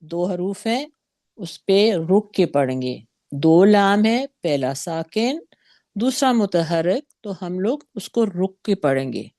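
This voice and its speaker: A woman's voice: fairly low pitch, animated, mellow, dry recording, clean studio sound. A woman teaching a Quran recitation lesson, patiently drawing out syllables and words for students to repeat. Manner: patient, drawn-out demonstrations of syllables. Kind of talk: slow Tajweed lesson, modelling sounds for repetition.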